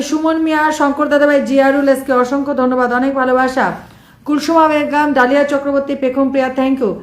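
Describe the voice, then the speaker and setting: A hoarse woman live streaming, reeling off viewer names with quick thanks in casual chat. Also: high voice, echoey room. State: hoarse from shouting.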